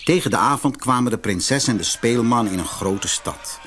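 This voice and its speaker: Lively male fairy-tale narrator. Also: medium pitch, moderate pace, a little hiss or hum. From Netherlands.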